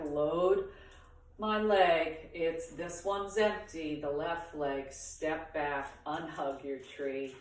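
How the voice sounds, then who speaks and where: A woman with a low voice leads a beginners' tai chi lesson, recorded at a distance in a very echoey room. She speaks slowly, talking through each movement in short phrases with pauses between them. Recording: very echoey room, far from the mic.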